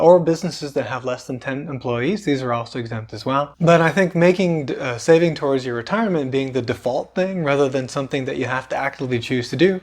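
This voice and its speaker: A man hosting a personal finance channel, explaining things in a relaxed, conversational way with plenty of filler words. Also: mid-range voice. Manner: relaxed and conversational, with many fillers and self-aware asides. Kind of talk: casual explainer talk.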